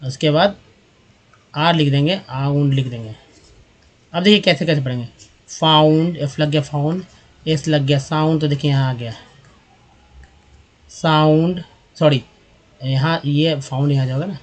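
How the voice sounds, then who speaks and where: Teaching English reading from slides, a man with a fairly high voice speaks at a moderate pace with long pauses. He patiently repeats and drills each sound for viewers he addresses as friends.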